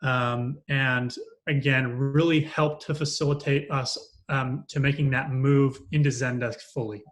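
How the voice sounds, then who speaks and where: An operations manager gives an unscripted customer testimonial, speaking hesitantly and pausing often mid-sentence. He has a steady, mid-range voice.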